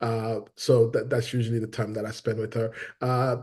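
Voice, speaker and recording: Middle aged guy from benin introducing himself, warm mellow voice, eager, stumbles and repeats a lot. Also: mid-range voice, little pitch movement, normal speed. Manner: eager, repeats words as he speaks. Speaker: new team member introducing himself. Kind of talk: self-introduction in an online meeting. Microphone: video call.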